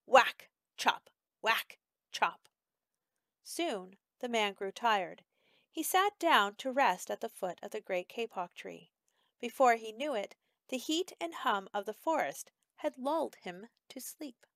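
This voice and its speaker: A woman teacher reading a picture book aloud for her class, expressive and measured. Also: on the high side, no room sound. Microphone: close home recording.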